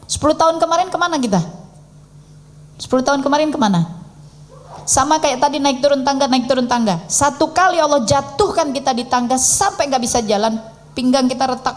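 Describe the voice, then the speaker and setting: A middle-aged woman giving a religious lecture, animated, acting out pleading prayers as she teaches. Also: on the high side. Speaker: preacher.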